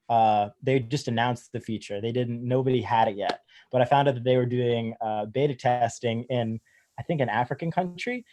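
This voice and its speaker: Young male guest, warm dark tone, loose storytelling with ums, video call. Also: medium pitch. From United States. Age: young adult. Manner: relaxed storytelling with many fillers. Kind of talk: casual interview.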